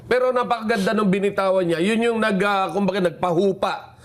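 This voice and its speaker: Co-host, a man explaining the news and setting up clips, high voice. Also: a little fast, a loud crowd. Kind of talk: casual news commentary.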